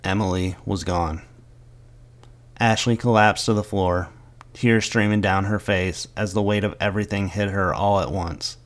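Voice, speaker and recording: A man reading a scripted horror story aloud in a dramatic, measured storytelling delivery. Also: sits low, steady tone.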